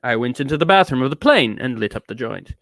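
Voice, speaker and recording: Performing a rambling rant as dramatic reading, this man plays a bitter, edgy neurotic recounting his travels in cranky storytelling style, his put-on accent wandering around. He speaks quickly at a medium pitch with lively intonation and a slightly bright tone. The studio-quality recording has no echo.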